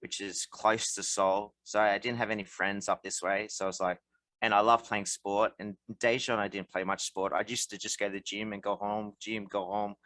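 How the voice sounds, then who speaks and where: A man's voice: fairly low pitch, little pitch movement, normal speed, fairly bright tone, no room sound. A man with an Australian accent who hosts a casual podcast and leads the talk by putting questions to his co-hosts. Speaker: podcast host.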